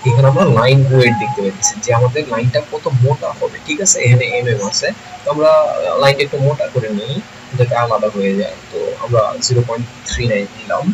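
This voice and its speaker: A man, teaching software in a screen-recorded tutorial, thinking aloud and often checking that listeners follow. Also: mid-range voice. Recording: noisy home recording.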